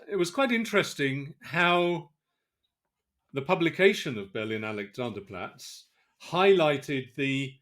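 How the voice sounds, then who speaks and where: A man co-hosting a podcast in casual chat, talking haltingly with many fillers and restarts. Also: a little high, animated, a bit bright. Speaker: podcast co-host.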